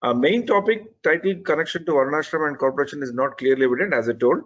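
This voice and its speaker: Over a call, a man with a slightly high voice and quick pace gives earnest spoken feedback on an online talk, evaluating the presentation. His critique is methodical and he restarts often. The highs in the audio are cut off.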